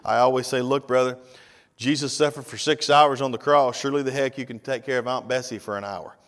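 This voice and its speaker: A pastor from Tennessee in his fifties speaks in a medium-pitched, fairly bright voice with a steady tone and brisk pace. He preaches conversationally in a church sanctuary, often speaking directly to the congregation. A long church-hall reverb colors the audio.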